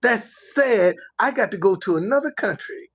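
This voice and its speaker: A man's voice: sits high, lively intonation, moderate pace, slightly rough. A man from the United States, ranting casually on a livestream in an emphatic, preachy way, repeating phrases for effect. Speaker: livestream commentator.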